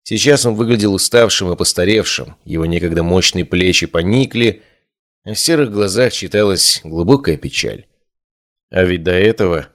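Deep-voiced male audiobook narrator. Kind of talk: first-person fantasy audiobook narration.

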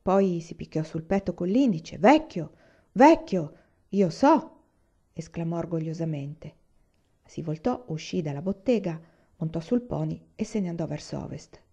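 A woman narrating an audiobook in a calm, measured storytelling manner, in a slightly dull lo-fi recording. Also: low voice, slightly rough. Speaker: reader.

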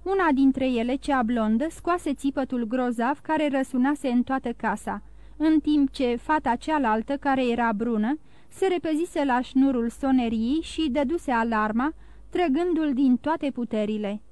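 Audiobook narrator, female, high pitch, steady storytelling read, dry studio. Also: no room sound. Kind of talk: scripted narration.

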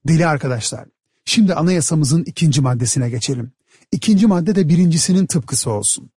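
A man voicing the male ringleader of escaped lunatics, speaking slowly and speechifying to a crowd in an audiobook reading. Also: on the high side, lively intonation, mellow, slightly rough, dry recording, clean studio sound. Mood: rousing. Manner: slow, rousing, speechifying to a crowd. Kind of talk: audiobook character voice.

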